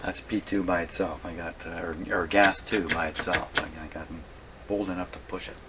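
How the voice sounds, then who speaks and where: A man hosts an electronics repair video in his home radio workshop, speaking low-pitched at a moderate pace with fairly even intonation. He talks through his work casually, thinking out loud and muttering to himself. The recording is clear, with some background noise.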